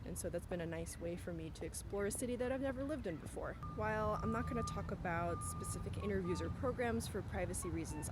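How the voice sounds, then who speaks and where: A woman's voice: mid-range voice, heavy background noise. A woman in her twenties from California with an American accent, giving casual advice in a vlog monologue recorded on the move. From California, United States. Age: 20s. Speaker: vlogger, medical student. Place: on the move during a commute.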